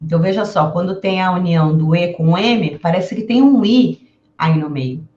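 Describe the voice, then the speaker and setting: A woman teaching a recorded language lesson, pronouncing words slowly and carefully and repeating them to demonstrate each sound. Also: fairly low pitch, a little mellow, echoey room, highs cut off.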